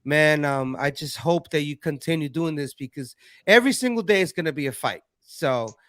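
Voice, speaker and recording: A man's voice: fairly high pitch, animated, moderate pace, a bit bright, dry recording, clean studio sound. A man hosting a casual interview, friendly and rambling, often repeating his words. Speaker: host.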